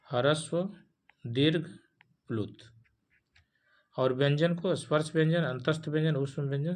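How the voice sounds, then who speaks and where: A man giving a patient, explanatory grammar lesson, listing terms one by one and reciting verses. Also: on the high side. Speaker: teacher.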